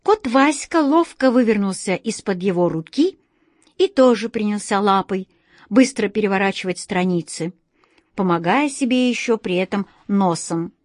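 A woman narrating a children's audiobook in a slow, expressive storytelling manner. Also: mid-range voice, no room sound, studio quality.

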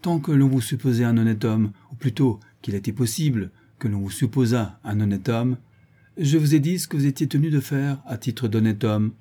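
Male narrator as a hard, unbending lawyer grilling a suspect. Mellow, husky voice. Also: medium pitch, moderate pace, natural voice. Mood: stern. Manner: cold, hammering cross-examination. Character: stern middle-aged male country lawyer, relentless.

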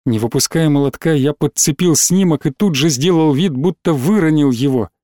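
A man narrating a story aloud in a measured, tense storytelling manner. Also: fairly high pitch, warm tone, no room sound, clean studio sound. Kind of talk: audiobook narration.

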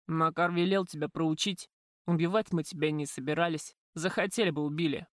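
A woman voicing a coarse male gangster thug who talks gruffly and bluntly in an audiobook. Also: deep voice, fairly even intonation, fairly quick, dry recording, studio quality, lightly acted. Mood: sullen.

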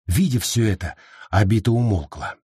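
A man reading an audiobook as the narrator, in measured scripted narration. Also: on the low side, animated, warm tone, breathy edge, no echo, clean studio sound.

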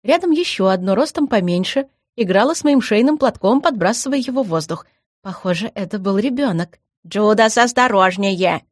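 Give me a woman narrating a first-person fantasy audiobook with a lively, expressive read and a dry, close sound. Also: medium pitch, a little fast, slightly rough, no room sound.

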